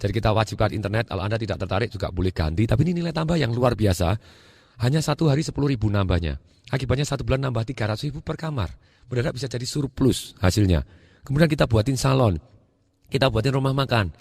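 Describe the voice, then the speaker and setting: A middle-aged Indonesian man giving a motivational talk, animated, repeating words for emphasis and acting out dialogue. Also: medium pitch, fast talker, creaky, no echo, studio quality. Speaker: motivational speaker.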